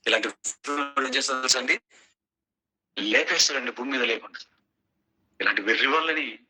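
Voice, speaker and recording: A man's voice: medium pitch, bright, forceful tone, husky, dull audio. A middle-aged man preaching a sermon in an online class, emphatic and full of rhetorical questions to his listeners.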